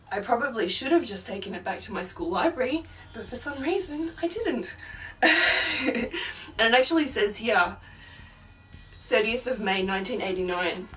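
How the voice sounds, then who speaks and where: Her voice is medium-pitched and a bit bright as this young paranormal YouTuber chats and rambles, fillers everywhere, in a home vlog. A film playing in the adjacent room leaves faint noise on the distant-mic recording.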